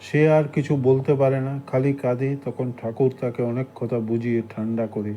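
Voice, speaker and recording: A man giving a gentle, unhurried first-person reading of a devotional story, with small restarts. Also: medium pitch, level tone, slight background noise.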